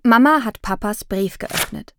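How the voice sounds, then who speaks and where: A woman calmly narrating a children's audiobook in the first person. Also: mid-range voice, unhurried, background noise.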